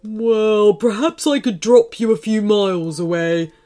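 A woman voicing a calm, patient male ice dragon in a storybook reading. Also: medium pitch, natural voice. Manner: measured and reassuring.

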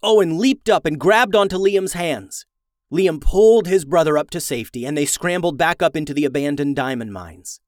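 A man reading a fantasy adventure story aloud in a steady, even storytelling manner. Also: on the high side, normal speed, dry recording, clean studio sound. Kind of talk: storybook narration.

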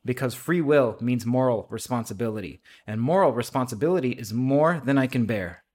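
A man's voice: medium pitch, lively intonation, brisk, a little mellow, close to an everyday voice. A man voicing a weary human pleading with God, in an earnest, burdened reading.

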